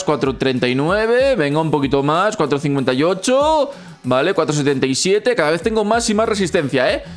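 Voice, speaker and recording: Brief: playful young man, excited game commentary, repeats words in bursts. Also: a little high. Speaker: gaming youtuber.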